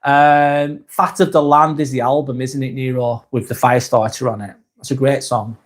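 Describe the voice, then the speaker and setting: Hosting a casual livestream, a man from Lancashire, England, reads viewer comments aloud in a soft, hesitant manner. His Lancashire accent comes with a medium pitch, level tone and normal speed.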